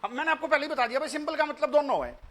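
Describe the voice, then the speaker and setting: An Indian math teacher with an unusually high voice walks students through a statement step by step. His tone is bright and forceful. He repeats his points and keeps asking the class questions, moving between Hindi and English as he goes. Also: animated, racing. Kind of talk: online demo math lecture.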